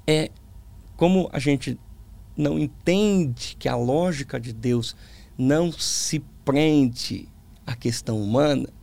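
A Brazilian man with a tongue-tied lisp and slurred sibilants, giving reflective religious testimony in conversation as a preacher, with emphatic pauses and repetition. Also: mid-range voice, vocal fry, a little mellow. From Brazil, small town in the interior. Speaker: preacher, interview guest.

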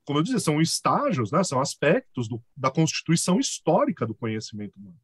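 A Brazilian man chats as a guest, his voice pitched a little high and swinging widely as he tells stories. He has a husky edge and keeps dropping little tag questions. The sound is dry and close. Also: quick pace, dry recording. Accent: Brazilian Portuguese. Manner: animated storyteller, chuckles often, many filler tags. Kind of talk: casual conversation.

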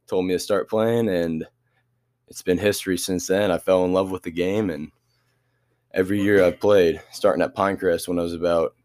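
A man's voice: low voice, fairly even intonation, moderate pace, darkish tone. A teenage boy athlete answering interview questions in an easygoing, hesitant way, with many restarts. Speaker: student athlete.

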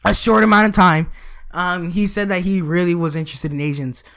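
A man's voice: high-pitched, steady tone, a little fast, gravelly, fairly bright tone, smooth. A man co-hosting a podcast in casual chat. He rambles, interrupts himself and giggles a lot. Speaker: podcast co-host.

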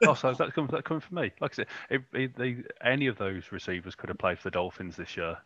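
A man's voice: mid-range voice, fairly even intonation, fast talker, fairly bright tone, no echo, lo-fi sound. A man hosting a casual sports podcast, rambling and self-mocking with lots of fillers. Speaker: podcast host.

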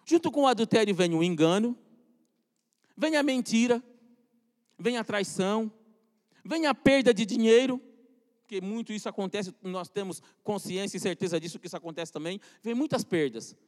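Fervent male preacher, very high voice, long hall reverb. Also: normal speed, a little mellow. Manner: fervent, rising and falling emphasis. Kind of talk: sermon.

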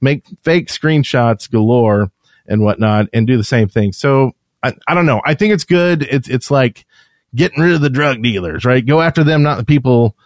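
A man's voice: medium pitch, normal speed, no echo. Rambling chatty man, dry close sound. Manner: rambling, self-correcting, chatty. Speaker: podcast co-host. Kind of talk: casual chat.

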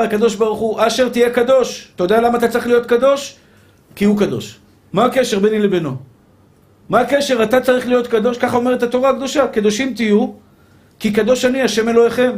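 High-voiced man preaching a fervent sermon. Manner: fervent, repetitive preaching that addresses listeners as brothers. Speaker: rabbi.

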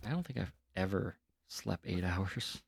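Gravelly low-voiced sarcastic co-host. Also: male voice, animated, a little slow, no echo, clean studio sound. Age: adult parent. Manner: sarcastic, cursing, teasing. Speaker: podcast co-host. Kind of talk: casual chat.

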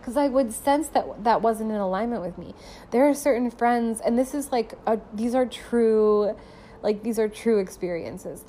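A woman's voice: medium pitch, warm tone. Chatty young woman podcaster. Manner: chatty, filler-heavy, laughs often. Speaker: podcast host and musician. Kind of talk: casual personal monologue.

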